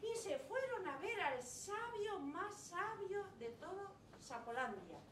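Expressive woman storyteller, echoey room. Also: very high-pitched, slow pace. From Spain. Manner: expressive, playful. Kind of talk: live storytelling to an audience. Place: event venue indoors. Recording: echoey room, distant mic, ambient noise.

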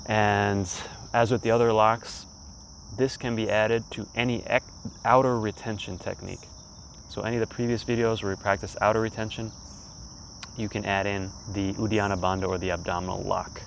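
A man's voice: fairly low pitch, little pitch movement, moderate pace, gravelly, rough recording. A man in his thirties instructing a guided breathing exercise in short, spaced-out phrases. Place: outdoors by a leafy pond. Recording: insects and outdoor ambience, faint noise.

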